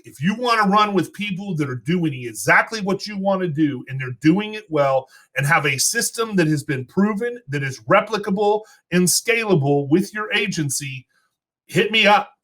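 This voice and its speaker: A man's voice: high-pitched, bright, forceful tone. A man hosting an insurance podcast, fired up and preaching in a casual chat. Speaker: podcast host.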